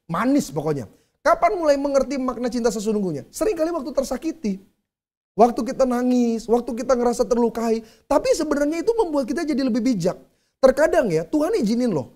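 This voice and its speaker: Mellow-voiced male pastor preaching. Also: high voice. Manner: conversational preaching, addresses the congregation directly. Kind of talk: sermon.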